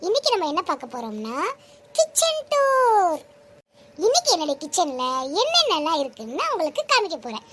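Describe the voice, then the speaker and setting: A woman's voice: very high voice, wildly swooping pitch, fairly quick, heavy background noise, full character voice. Woman as a sweet young vlogger daughter-in-law. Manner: sugary to the camera, defensive.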